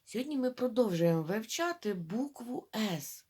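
A woman teaching young children to read, sounding out syllables slowly and talking straight to them. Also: fairly high pitch, very animated, a little mellow, husky. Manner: drawn-out syllable-by-syllable modelling of reading; addresses children directly, coaxing. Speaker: primary school teacher. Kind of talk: reading lesson for young children.

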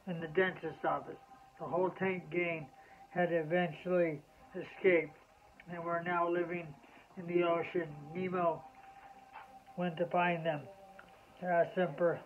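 Slow-reading man, tinny audio. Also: a little high, slight background noise. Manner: slow, measured reading aloud. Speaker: storyteller. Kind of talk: bedtime story reading.

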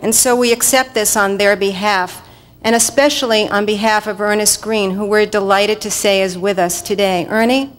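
A middle-aged woman film producer delivering a formal acceptance speech at a podium in a measured, earnest way. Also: medium pitch, fairly even intonation. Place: stage podium at an awards ceremony. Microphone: podium microphones.

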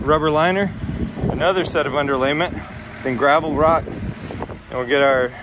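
A man giving a casual walkthrough of a backyard pond build, talking plainly and explaining as he goes. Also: medium pitch. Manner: plain, explanatory, loose restarts. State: out of breath. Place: outdoor backyard construction site. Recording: outdoor recording with wind noise.

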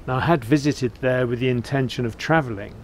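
A man's voice: mid-range voice, brisk. Older Englishman chatting, outdoor noise behind. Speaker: vlog host. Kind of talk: casual chat to camera, recounting a trip. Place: outdoors, seated beside a narrowboat. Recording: clear outdoor ambient noise.

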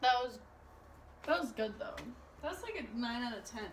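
Giggly tipsy high-voiced young woman. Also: animated, moderate pace. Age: 20s. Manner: brash, sweary. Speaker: makeup vlogger. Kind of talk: casual chat while doing makeup. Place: small room at home, indoors. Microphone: built-in camera mic at arm's length. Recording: noisy home webcam-style recording.

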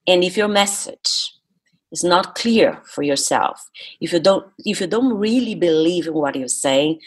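Being interviewed as a guest, this public speaking coach from Brazil, a native Portuguese speaker, speaks with earnest emphasis. Her voice is lowish and husky, unhurried, with lively intonation.

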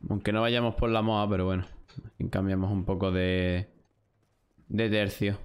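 Young man, Spanish accent, fairly low voice, frustrated live gameplay commentary, cursing at rivals. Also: level tone, moderate pace, clear, resonant tone. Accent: Spain Spanish. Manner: frustrated, swearing, talking to himself and chat. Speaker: gaming streamer.

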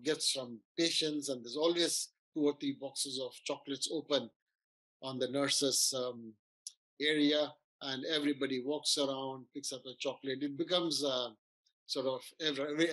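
A man's voice: medium pitch, fairly even intonation, normal speed, fairly bright tone, poor audio. A middle-aged man, a doctor, giving a casual, earnest talk on weight loss, explaining with frequent restarts. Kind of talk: informal health talk.

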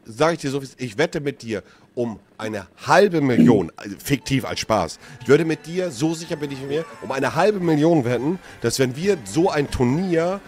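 A man's voice: mid-range voice, expressive, normal speed, darkish tone. A man in casual, slangy and insistent banter with friends over a game.

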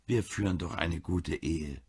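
A caring wife and doctor, as a male reader puts her on, gentle and pleading. Her voice stays low and gravelly. It sounds husky rather than clear. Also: a little slow, full character voice.

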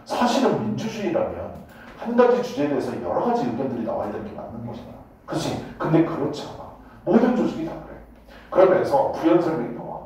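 A male teacher gives a loose, joking lecture to his class, with casual swearing and frequent checks that the students follow. His voice is a little high and very lively as it rises and falls. It is picked up from across a strongly echoing classroom. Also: quick pace. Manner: blunt, joking, swears casually, keeps asking students "got it?". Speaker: high school English teacher. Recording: echoey classroom from a distance.

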